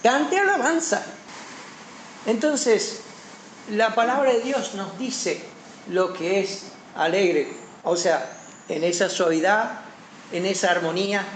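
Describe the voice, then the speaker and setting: A man's voice: sits high, slow, reverberant, slight background noise, low-quality recording. A man preaching a sermon as pastor, with a Paraguayan Spanish accent, emphatic, his voice rising and dropping sharply.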